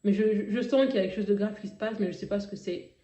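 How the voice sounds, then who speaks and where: A woman's voice: mid-range voice, racing, dark tone, echoey room, muffled recording. A woman sharing an emotional personal testimony, hesitant, with many fillers and restarts. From Africa.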